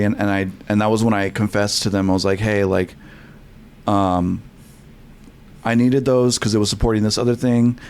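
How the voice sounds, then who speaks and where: A man's voice: lowish voice, a little mellow. A young man, a podcast guest from California, telling his story candidly with many restarts and fillers.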